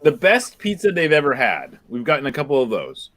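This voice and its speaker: A man's voice: mid-range voice, wildly swooping pitch, a little fast, a bit bright. A man hosting a casual chat, talking while he eats. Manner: chatty, talks with his mouth full. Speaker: podcast host.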